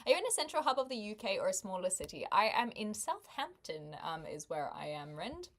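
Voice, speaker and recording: A woman's voice: medium pitch, very animated, fairly quick, a bit bright. A woman, chatting casually with viewers on a livestream, laughing often and making wry asides. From New Zealand. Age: 20s.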